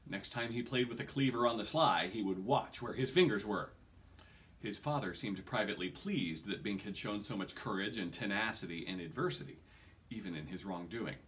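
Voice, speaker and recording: Here a reader in his forties narrates a fantasy novel theatrically, as if recording an audiobook, from a small room in his home. His voice sits on the low side with a fairly bright tone and a moderate pace, with an odd small stumble along the way.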